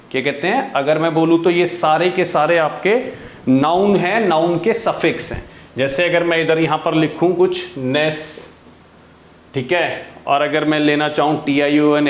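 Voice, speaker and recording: Recorded with a roomy sound, a man with a fairly high-pitched voice teaches English grammar in Hindi in a classroom lesson. He asks his students questions and answers them himself, often calling them "guys."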